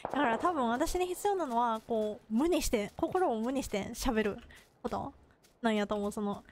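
A woman's voice: on the high side, normal speed, darkish tone, a little hiss or hum. A woman with a Kansai accent, chatting casually and rambling to herself while live-streaming a game. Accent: Kansai Japanese. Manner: rambling self-talk between game remarks.

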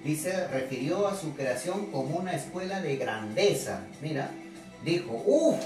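A male teacher lectures in a lively, swooping voice, peppering his talk with rhetorical questions and playful jabs at the class. He sounds distant from the mic, in a very echoey room with faint music behind him. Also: fairly high pitch, measured pace. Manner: chatty, constantly asks rhetorical questions with tag '¿no?'; addresses students directly, playful and teasing. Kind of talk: classroom literature lecture to students.

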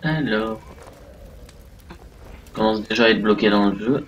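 A man's voice: on the low side, unhurried, recorded from a distance, lo-fi sound, a little hiss or hum. A man giving casual live commentary while playing a horror game, thinking aloud with many fillers. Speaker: gaming streamer. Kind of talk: live let's play commentary.

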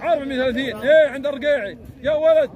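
A man with a Najdi Saudi Bedouin-style accent working as a livestock auctioneer, loudly calling and repeating bids in a chant. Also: very high voice, rapid-fire, dull audio. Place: outdoor livestock pen at night, crowd of men behind. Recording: outdoor market recording with loud crowd.

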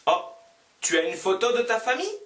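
A man voicing a young Korean student who works as a waiter, in a slow, carefully spoken textbook dialogue. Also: very high voice, sing-song, a bit bright, echoey room, recorded from a distance, voice pushed up, full character voice. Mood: curious.

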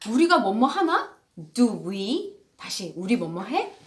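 A woman's voice: on the high side, big pitch swings, slow, a crowd in the background. A woman in her thirties teaching an English lesson, patiently repeating drill sentences. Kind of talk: casual home English lesson.

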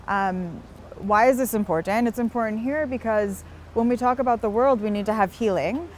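A woman's voice: a little high, normal speed, slight background noise. A young woman being interviewed outdoors on a busy street, talking earnestly and at length, with frequent restarts. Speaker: interview guest.

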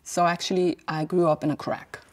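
Woman, middle aged, artist, kinda low voice, lots of pauses looking for words, interview in a big hall. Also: level tone. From Iceland. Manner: reflective, searching for words with many pauses. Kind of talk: documentary interview. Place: large indoor hall.

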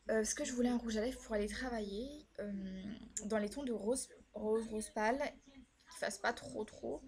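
A woman's voice: fairly high pitch, a little mellow. A young woman chatting casually as a vlogger reviewing her makeup purchases, filling her talk with hesitations. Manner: chatty, many fillers and "voilà". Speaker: beauty vlogger.

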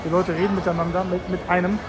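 Loud music and heavy street noise surround a thirty-something man from Tajikistan as he vlogs through a city square and station at night, holding the camera at arm's length. He chats casually to viewers in a high voice with little pitch movement, talking fast.

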